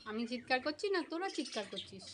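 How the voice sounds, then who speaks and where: A woman's voice: high voice, very animated. A woman talking baby talk to her pet parrots, coaxing them and scolding them playfully. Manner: closes with a quick word to viewers. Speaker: pet bird vlogger. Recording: loud background noise with bird squawks.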